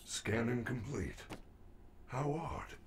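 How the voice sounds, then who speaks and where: A man voicing a gentle, polite male animatronic bear care robot, speaking in a formal, measured, helpful way in video game dialogue. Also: medium pitch, sing-song, gravelly, noisy background, exaggerated voice. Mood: calm, helpful.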